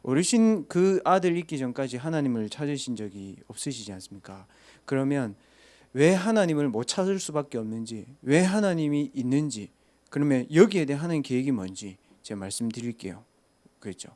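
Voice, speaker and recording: A man's voice: mid-range voice, lively intonation, a little fast, dark tone. A man, a pastor telling a story in a casual sermon and asking listeners rhetorical questions. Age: 30s.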